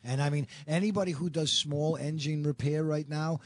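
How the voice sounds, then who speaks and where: A man's voice: fairly high pitch, steady tone, normal speed, no echo. A man hosting a local talk radio show, interviewing a business owner with chatty, joking asides.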